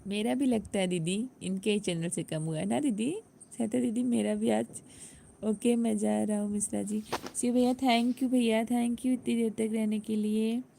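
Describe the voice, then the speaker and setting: A woman's voice: fairly high pitch, steady tone, a little slow, vocal fry, mellow, a little hiss or hum. Chatty laughing woman on a live stream. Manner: chatty, laughing often, greeting viewers by name. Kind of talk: casual live-stream chat with viewers.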